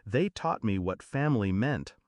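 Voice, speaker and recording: Man narrating a tale with lively pitch. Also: no echo. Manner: measured, dramatic storytelling. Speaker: story narrator. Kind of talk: scripted first-person story narration.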